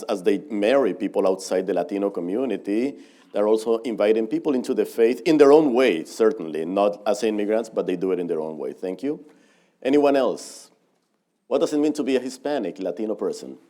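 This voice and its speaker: A man's voice: lowish voice, dark tone. A man giving a lecture, leading a group discussion and calling on the audience to share. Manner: invites responses, short affirmations. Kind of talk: moderating audience sharing. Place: lecture hall.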